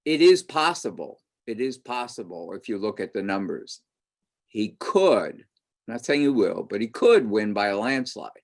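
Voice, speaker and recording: The host of an online panel discussion is a man with a fairly low voice who speaks at a measured pace. He comes across as animated and opinionated, working through his thoughts aloud.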